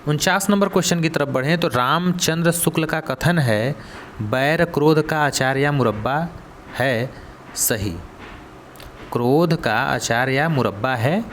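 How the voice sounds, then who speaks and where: A man with a Hindi accent and an ordinary mid-pitched voice works through exam questions for a coaching class. He poses each question, waits, then repeats the answer, over a faint background hiss. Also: a bit bright. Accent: Hindi, Varanasi region. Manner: asks students then answers, repeats key words. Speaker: coaching teacher.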